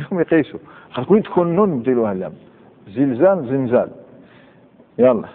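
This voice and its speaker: A man with an Algerian Arabic accent teaching grammar in a classroom lecture, quizzing students and reciting verb patterns slowly. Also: fairly high pitch, very animated, a little hiss or hum. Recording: tinny, echoey hall recording.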